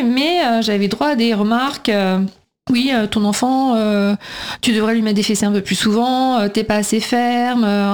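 A woman of Portuguese origin, a nursery school teacher, speaking earnestly and at length as a guest on a radio talk show. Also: a little high. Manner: talkative, earnest, quotes others in lively voices.

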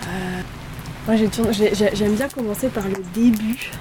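A woman's voice: medium pitch, moderate pace. Give me a hesitant woman interviewee, full of fillers and restarts, with heavy rain noise behind her. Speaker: interview guest. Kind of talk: casual interview chat. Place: inside a tipi by a fire in the rain. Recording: steady rain noise in background.

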